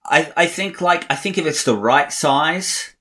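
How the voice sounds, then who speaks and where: Speaking a little slowly in a slightly high, sharp-toned voice, a man chats about movies as a podcast co-host. It's a casual review session, rambling and opinionated, with lots of fillers.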